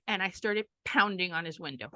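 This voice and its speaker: A middle-aged woman co-hosting a podcast with her daughter, chatting casually with wry asides and quick reactions. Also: lowish voice, sharp tone, no room sound. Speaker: podcast co-host, mother of the other host. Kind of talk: casual chat.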